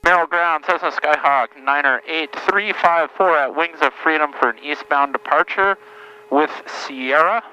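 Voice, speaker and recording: A man's voice: fairly high pitch, moderate pace, bright, forceful tone, clear, resonant tone. A man talking over the aviation radio in clipped radio phraseology, calling the tower from a small plane cockpit through a headset. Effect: aviation radio transmission. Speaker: student pilot. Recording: dull radio audio with hiss.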